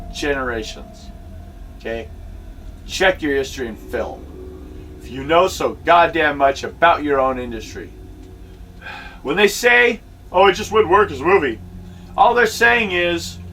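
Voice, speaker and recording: A man's voice: high voice, pushed and bright. A middle-aged man delivering an opinionated back-in-my-day rant in an indignant, emphatic, grumbling fan's manner. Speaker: vlogger and amateur filmmaker. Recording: distant mic with faint background noise.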